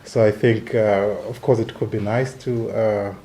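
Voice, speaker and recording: A man speaking as a panelist, measured and hesitant, with many fillers. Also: fairly low pitch, steady tone, dark tone, poor audio. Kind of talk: panel discussion.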